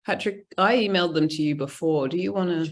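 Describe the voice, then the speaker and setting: A conference speaker talks through a presentation over a video call. The delivery is informal and conversational, full of ums and small restarts, at an ordinary middle pitch. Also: quick pace. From New Zealand. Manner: chatty, informal, frequent ums. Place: indoor room, remote.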